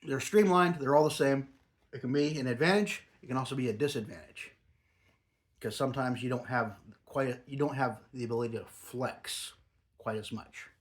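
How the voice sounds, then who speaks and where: With a mid-range voice at a normal pace, this grandfatherly product reviewer chats and wanders in a homespun way. He's middle-aged or older and speaks around a lip full of dip.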